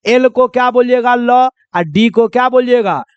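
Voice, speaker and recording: A man with a very high, smooth voice teaches English phonics as a lesson. He keeps asking a question and answering it himself, and he stretches out the letters slowly when spelling. The sound is close and dry. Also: no echo, muffled recording. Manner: repetitive call-and-answer teaching, asking then answering his own questions; drawn-out slow spelling of letters.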